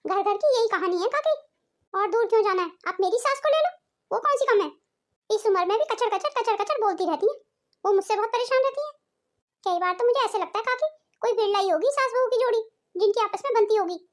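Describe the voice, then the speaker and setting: A woman's voice: very high voice, expressive, a little fast. A woman voicing a strict, proud middle-aged mother-in-law in a cartoon, scolding and nagging, with faint music behind. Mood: complaining.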